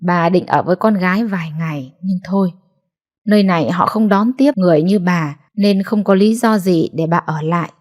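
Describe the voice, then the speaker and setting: A woman's voice: fairly low pitch, moderate pace, a little mellow. Woman narrating a family story.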